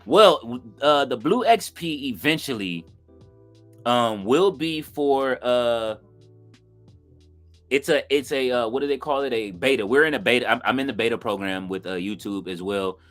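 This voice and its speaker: A man hosting a live stream in a relaxed, rambling way, often dropping "you know what I'm saying." His voice sits at an ordinary middle pitch, with faint music playing behind him. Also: moderate pace. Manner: bursts of excited reaction. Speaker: watch-along stream host. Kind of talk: casual live-stream chat, reading viewer comments.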